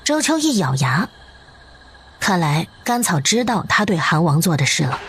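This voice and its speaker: A woman narrating an animated drama in an expressive, story-reading way. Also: on the low side, normal speed, slight background noise.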